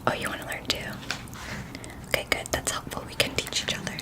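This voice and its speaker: A woman in a whispered role-play, chatting as if to a close friend, keeping hushed and quiet at night so nobody wakes. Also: fairly quick. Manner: quiet at night, hushed so as not to wake others. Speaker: ASMR performer.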